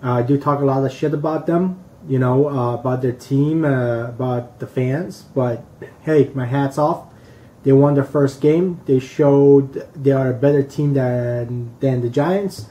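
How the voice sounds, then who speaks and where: Blunt, halting sports-fan man. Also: mid-range voice, fairly even intonation, warm tone. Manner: blunt, halting with many fillers. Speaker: sports fan vlog host. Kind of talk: casual sports rant.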